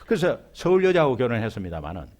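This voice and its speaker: A middle-aged male pastor from Busan with a Gyeongsang accent, preaching a humorous, animated sermon and acting out the voices he quotes. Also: medium pitch, rapid-fire. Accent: Gyeongsang (Busan) Korean. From Busan, South Korea.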